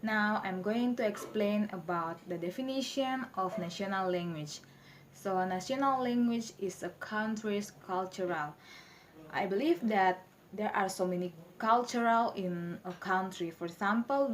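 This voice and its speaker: A woman's voice: mid-range voice, a little hiss or hum. Indonesian student woman presenting. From Maluku, Indonesia. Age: young adult. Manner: halting, with many fillers. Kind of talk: class presentation.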